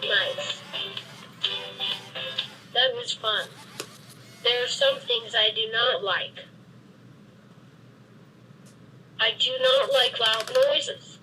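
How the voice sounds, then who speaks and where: A synthetic female voice playing a friendly, cheerful boy robot that talks to children in slow, simple, deliberate sentences. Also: fairly high pitch, steady tone, pushed and bright, soft background music, poor audio. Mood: playful. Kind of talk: programmed robot speech for children. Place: meeting room, played from a robot.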